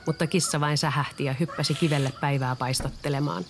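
A storyteller reading a children's storybook aloud in a calm, even way. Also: medium pitch, a little hiss or hum.

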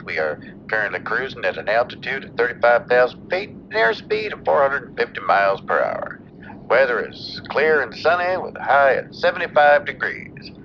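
A man doing an airline captain over the intercom. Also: creaky. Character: male airline captain making a cabin announcement. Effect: over an airplane cabin intercom. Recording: muffled intercom with engine rumble.

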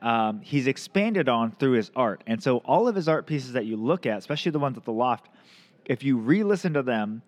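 Man hosting a podcast, casual rambling chat, filler words, mid-pitched voice. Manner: rambling with many ums and restarts. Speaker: podcast host.

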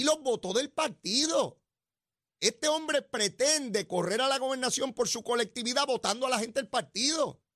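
Animated older Puerto Rican radio host. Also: male voice, no room sound, clean studio sound. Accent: Puerto Rican Spanish. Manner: animated, teasing, swings between loud exclamations and low asides. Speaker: radio talk show host. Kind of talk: political commentary monologue.

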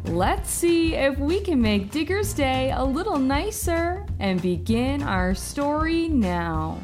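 A woman hosting a children's story podcast, talking to the listener in a bright, encouraging, sing-song way, with music playing behind. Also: high voice, sing-song, takes it slowly. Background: background music.

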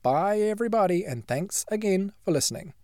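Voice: mid-range voice, animated, brisk, darkish tone. A game master hosting and narrating a tabletop role-playing podcast. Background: background music.

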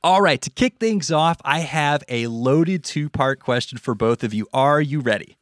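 A man's voice: fairly high pitch, expressive, moderate pace, no echo. American male podcast host, dry close sound. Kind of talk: scripted podcast hosting.

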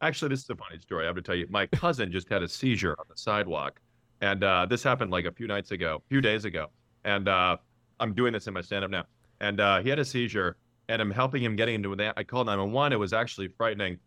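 A male comedian telling an animated anecdote quickly as a podcast guest. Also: lowish voice, no room sound. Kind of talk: storytelling.

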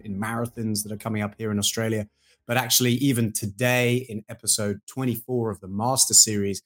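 A man co-hosting a podcast, talking conversationally in long, discursive sentences. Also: medium pitch. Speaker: podcast co-host.

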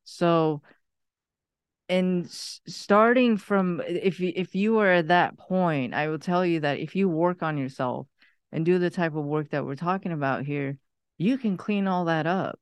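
A man from Iran with a smooth, clear voice pitched a little high speaks as a podcast guest. He tells his story earnestly and candidly, sometimes halting before he finds his words, in a dry, close sound. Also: dry recording. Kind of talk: personal story, conversational.

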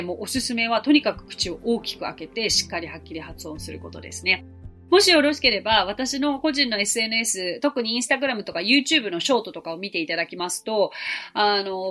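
A woman in her forties hosting a podcast English lesson, explaining clearly and gently and slowing down to model English phrases. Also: medium pitch. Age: 40s. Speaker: English teacher and podcast host.

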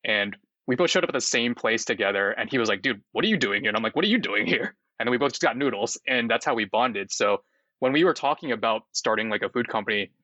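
Relaxed man of thirty, muffled dry sound. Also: mid-range voice, fast, no echo. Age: 30s. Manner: relaxed, filler-heavy, laughs often. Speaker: startup founder, guest. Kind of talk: casual interview chat.

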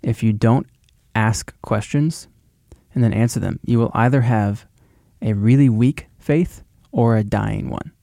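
A man's voice: mid-range voice, unhurried, vocal fry, warm tone, no room sound, clean studio sound. A man hosting a podcast, speaking earnestly in casual chat and laughing easily. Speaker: podcast host.

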